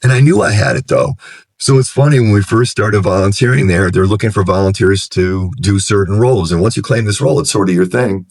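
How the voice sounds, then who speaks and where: A middle-aged man with a low, deep voice tells his story with earnest frankness. He restarts sentences as he goes and gets animated when he retells a scene. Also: fairly quick. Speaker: recovery director, podcast guest. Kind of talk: candid personal storytelling in conversation.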